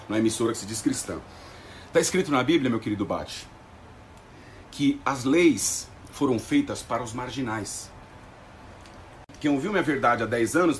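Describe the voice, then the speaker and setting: A man's voice: medium pitch, slight background noise. A Brazilian man delivering ranting vlog commentary on a TV clip, emphatic, slangy and defiant. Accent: Brazilian Portuguese. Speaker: vlogger reacting to a TV clip.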